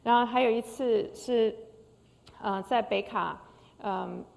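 An older woman recounts her life as a pianist in a heartfelt, halting testimony. Her voice carries a gravelly fry. The sound rings with the long reverb of a large hall. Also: fairly high pitch, a little mellow. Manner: emotional storytelling with frequent hesitations. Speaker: concert pianist. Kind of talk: personal testimony.

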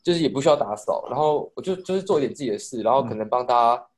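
A man's voice: mid-range voice, animated, racing. A young man with a Taiwanese Mandarin accent, telling a rambling story in casual podcast chat with a lot of swearing.

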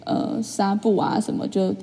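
Gravelly, husky woman telling a story. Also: medium pitch, unhurried, big-room sound. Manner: chatty, animated retelling with many fillers. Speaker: vlogger. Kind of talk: casual storytelling monologue.

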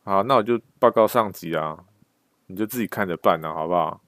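A man's voice: low voice, a little fast, fairly bright tone, no echo, clean studio sound. A man voicing an angry male army duty officer who barks scolding questions.

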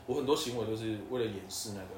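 A man's voice: lowish voice, racing, distant mic. A man in his twenties with a Taiwanese Mandarin accent, co-hosting a casual podcast chat; he talks frankly and asks a lot of questions. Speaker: podcast co-host. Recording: echoey room, faint noise.

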